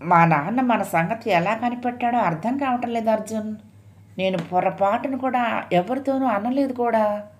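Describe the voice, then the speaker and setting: A woman's voice: on the high side, moderate pace, pitched above the performer's own voice, close to an everyday voice. Woman voicing a frightened young bride-to-be. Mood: anxious. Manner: anxious, worried.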